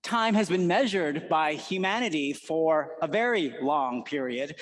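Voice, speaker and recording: A man's voice: a little high, lively intonation, unhurried. A man in his forties from the United States giving an earnest prepared keynote talk, weaving in personal stories. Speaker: conference speaker.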